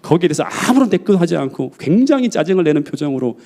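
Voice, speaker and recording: A man's voice: on the high side, very animated, fast talker, warm tone. A male pastor preaching a sermon, telling a personal story in a heartfelt, earnest way.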